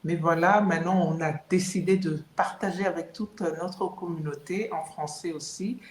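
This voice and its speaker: Brief: woman from Congo, mid-pitched, hesitant, roomy echo with faint noise behind. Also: fairly even intonation, normal speed. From Democratic Republic of the Congo. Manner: hesitant, friendly. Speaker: panel guest. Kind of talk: self-introduction on a live stream. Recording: echoey room, faint noise.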